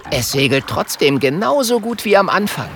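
A man's voice: sits high, very animated, normal speed, a bit bright, a little hiss or hum, voice pushed up, full character voice. A man doing a little boy dragon. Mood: explaining. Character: small friendly boy dragon, calm explainer.

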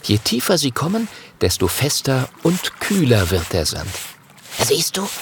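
A man reading a children's story aloud in a lively, expressive way. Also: medium pitch, moderate pace, noisy background.

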